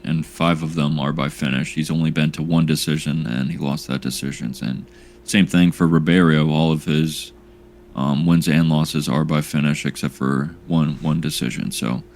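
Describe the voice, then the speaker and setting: A man co-hosting a fight-picks talk show in casual chat, halting and repeating words as he thinks. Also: a bass voice, a little mellow. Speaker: podcast co-host making fight picks.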